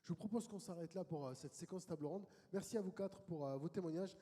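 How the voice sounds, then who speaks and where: A man moderating a conference session, introducing speakers in a lively, welcoming way. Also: sits high, quick pace. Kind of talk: event moderation. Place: conference hall. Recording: conference hall reverb.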